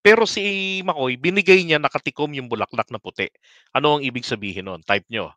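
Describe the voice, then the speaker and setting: A man's voice: on the high side, fairly quick, sharp tone, no room sound. A man giving casual political commentary to his viewers, politely asking them rhetorical questions and mixing in English words. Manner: polite, addresses audience respectfully.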